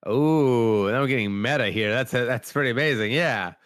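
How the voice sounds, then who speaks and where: A young podcast host rambles through a casual chat, packing in "like" fillers and acting out quoted lines, his voice a little worn after being sick. It is medium-pitched, fairly bright and clean, at a moderate pace. The recording is dry and studio quality.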